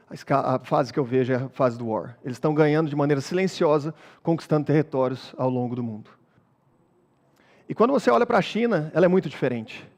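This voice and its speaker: A man's voice: on the high side, darkish tone. A man hosting a business presentation in an emphatic, presenter-like way. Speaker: host. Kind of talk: stage presentation.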